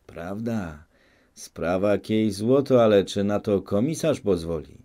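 A man's voice: fairly low pitch, expressive, takes it slowly, dark tone. A man reading an audiobook, voicing a cautious, doubtful village headman. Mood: worried.

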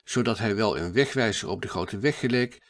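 A man narrating a classic adventure novel in a steady, measured audiobook reading. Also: lowish voice.

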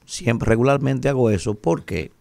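Speaking at a moderate pace into a boom-arm studio mic, a Dominican-accented man in his forties offers forceful, rhetorical opinions on the radio, repeatedly asking "¿verdad?" His mid-range voice carries vocal fry and is slightly mellow. The indoor radio studio has no echo.

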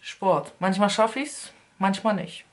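A young woman answering personal questions in a casual vlog, talking in slang with lively, self-mocking asides. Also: mid-range voice, takes it slowly. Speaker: YouTuber.

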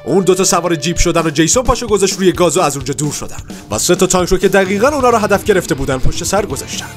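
A man narrating a comic book story, reading the characters' lines himself in shifting voices. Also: soft background music. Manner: lively storytelling, reads every character's lines with shifting pitch.

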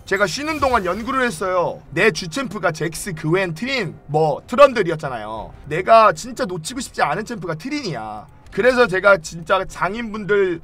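A young man streaming a game from home, chatting casually and yelling and swearing at the game. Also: high voice, very animated, moderate pace, few pauses. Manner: hot-tempered, yells and swears at the game.

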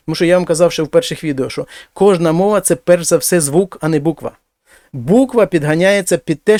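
A man teaching Spanish grammar, explaining patiently and saying the example phrases louder and higher. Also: no echo, clean studio sound. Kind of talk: language lesson.

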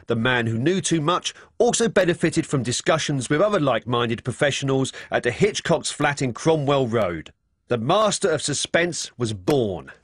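A man giving scripted documentary narration with a lively, husky delivery. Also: medium pitch, dry recording, clean studio sound.

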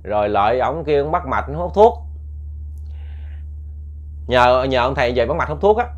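A man telling a ghost story in a casual, animated way, repeating words for suspense and talking to his listeners. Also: mid-range voice, normal speed. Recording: muffled lo-fi recording.

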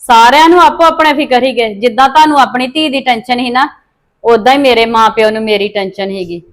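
A woman with a Punjabi accent playing a bitter, scheming daughter-in-law who speaks in sharp, scornful retorts. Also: fairly high pitch, fairly quick, close to an everyday voice. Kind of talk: amateur family drama acting.

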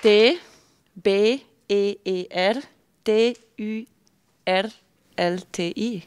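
Slow Swiss German woman spelling it out. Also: mid-range voice, steady tone, background noise. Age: young adult. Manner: spelling it out letter by letter. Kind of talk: playful vox pop answer. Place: open-plan office. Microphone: handheld reporter microphone.

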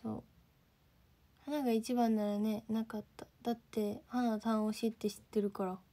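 A woman's voice: a little high, flat delivery, normal speed, mellow. Chatty teenage girl livestreaming. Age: teens. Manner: chatty, reads and thanks viewer comments, drops to near-whispers. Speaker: idol livestreamer. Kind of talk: casual livestream chat.

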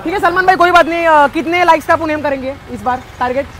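A man begs and pushes in a quick, high voice while doing a street prank, and he keeps saying the same things over and over. Loud traffic and street noise fill the recording. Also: some chatter behind. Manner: pleading, pushy, repeats himself. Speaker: prankster host. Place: busy street outdoors.

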